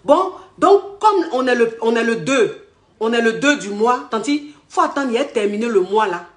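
A woman telling her life story in casual, animated speech, quoting the people she met. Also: on the high side, moderate pace. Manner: animated retelling with acted quotes. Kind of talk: personal storytelling. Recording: echoey room.

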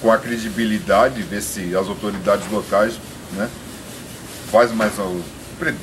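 A man's voice: fairly low pitch, steady tone, unhurried. Earnest man with a São Paulo accent. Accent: Brazilian Portuguese, São Paulo. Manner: earnest, rambling, with restarts. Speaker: restaurant owner. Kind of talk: on-the-spot interview. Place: outdoors beside a restaurant. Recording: noisy outdoor field recording.

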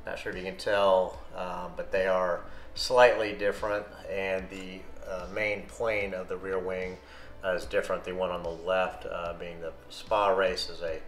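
Deep-voiced man, relaxed, in an echoey room. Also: measured pace. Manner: relaxed, hesitant, many ums and uhs. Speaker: model car collector reviewing his collection. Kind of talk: casual unscripted product review. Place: room indoors, hands on a table with models.

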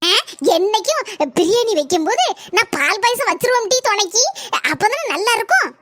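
Brash, greedy village wife. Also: female voice, very high voice, lively intonation, a bit bright, no echo. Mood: scheming. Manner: brash, scolding, quick retorts. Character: gluttonous village wife, bossy, food-obsessed. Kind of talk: animated village comedy.

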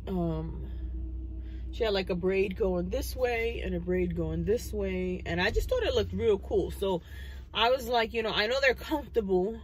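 A woman's voice: mid-range voice, breathy edge, poor audio. Chatty woman vlogging from her car. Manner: chatty, rambling, many fillers. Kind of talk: casual chat. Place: parked car, indoors. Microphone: phone camera on the dashboard.

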